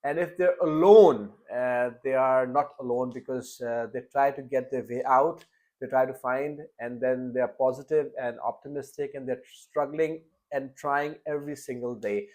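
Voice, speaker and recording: A young man with a medium-pitched, darkish voice hosts a casual interview podcast at a moderate pace. He sounds hesitant, using frequent fillers and restarting his sentences often.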